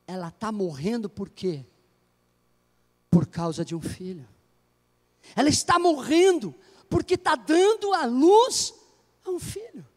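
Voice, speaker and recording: A Brazilian man, a pastor, preaching a sermon in a church in an animated way full of jokes. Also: extremely high pitch, slow pace, long pauses. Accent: Brazilian Portuguese. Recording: long church hall reverb.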